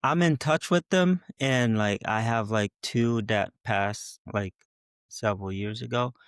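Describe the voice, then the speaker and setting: A man's voice: fairly low pitch, measured pace, clear, resonant tone, no room sound, studio quality. A man from Haiti, a guest in an interview, answering hesitantly with many "like"s and restarts. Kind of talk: interview conversation.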